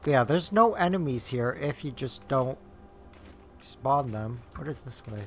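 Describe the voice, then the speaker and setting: A man with an average-pitched voice streams a video game. He rambles casually in offhand asides, close to the microphone, with clear music underneath. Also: animated, measured pace. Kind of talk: casual gameplay commentary.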